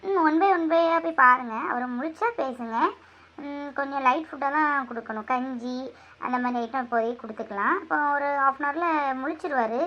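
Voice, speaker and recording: A woman voicing a brisk hospital nurse in a homemade family skit, calmly giving instructions about tests, rest and medicine. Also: high-pitched, voice pushed down. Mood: instructing. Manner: matter-of-fact, giving instructions. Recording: dull lo-fi recording.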